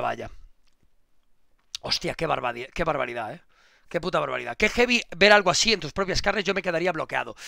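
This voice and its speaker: A man giving casual live-stream commentary, swearing and repeating himself excitedly. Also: fairly high pitch, creaky, no room sound, clean studio sound.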